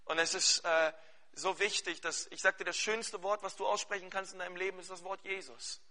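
Guy pastor preaching, high and super bright voice, keeps asking the crowd stuff. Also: fairly quick. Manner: animated preaching with questions to the congregation; fervent spoken prayer. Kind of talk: sermon.

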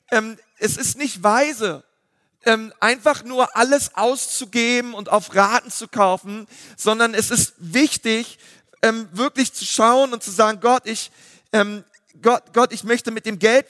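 A man, a pastor giving a lively sermon full of fillers. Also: high-pitched, dry recording, clean studio sound, big-room sound. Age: 30s. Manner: lively preaching with filler words.

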